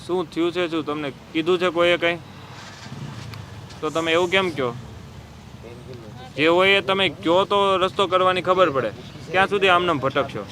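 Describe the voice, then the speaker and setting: A man, a social worker gently coaxing and explaining outdoors by a road. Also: high voice, normal speed, long pauses. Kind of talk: calm persuasion and explanation. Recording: outdoor traffic noise.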